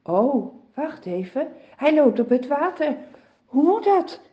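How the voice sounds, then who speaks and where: A woman's voice: high-pitched, sing-song, slow pace, muffled recording, exaggerated voice. A woman voicing Peter, an eager, impulsive disciple, in a children's Bible story. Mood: alarmed.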